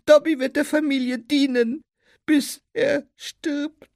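A man voicing a small, servile male house-elf with a piercing squeaky voice who calls everyone sir. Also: fairly even intonation, takes it slowly, no echo, clean studio sound, exaggerated voice. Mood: anxious. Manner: calls everyone sir, refers to himself by name.

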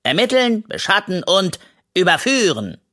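A reader voicing an excitable, boastful little male raccoon in a children's audiobook, with a hissing, conspiratorial manner. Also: medium pitch, normal speed, pitched above the performer's own voice. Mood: excited. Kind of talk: children's audiobook role reading.

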